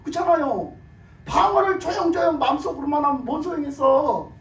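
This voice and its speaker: Very high-pitched hoarse preaching man. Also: brisk. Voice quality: hoarse, broken voice from years of shouted prayer. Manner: emphatic, rhetorical questions, laughs while preaching. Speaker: pastor. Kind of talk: sermon. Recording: echoey room, mic at a distance.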